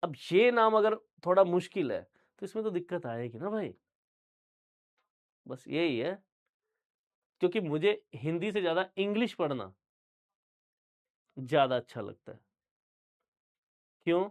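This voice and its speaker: A man's voice: sits high, sing-song, a little slow, pauses often. A young man from Punjab whose first language is Punjabi, giving an online general-knowledge lecture to students and checking in with them often. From Punjab, India. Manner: talks straight to students, repeats "theek hai" often. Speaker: GK teacher.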